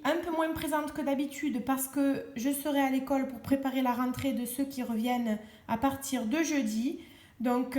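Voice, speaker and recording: A woman primary school teacher slowly and patiently explaining homework exercises to young children, spelling out letters and sounds. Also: high-pitched, a little mellow, echoey room. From France.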